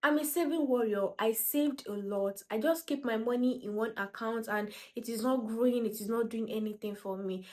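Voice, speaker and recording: Woman in her 20s talking money to the camera, fairly high voice, hammers her points home. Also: normal speed, few pauses, a little mellow. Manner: emphatic, repeats points, acts out quoted voices. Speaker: personal finance vlogger. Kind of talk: casual motivational talk to camera.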